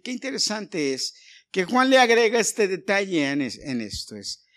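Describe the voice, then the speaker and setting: A man's voice: sits high, a bit bright. A middle-aged man, a pastor, preaching a conversational sermon and telling personal stories, often restarting his words.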